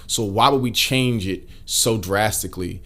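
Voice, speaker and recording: A singer offers casual vocal tips, explaining in a relaxed way and demonstrating as he talks. His voice is on the low side and his pace a little slow.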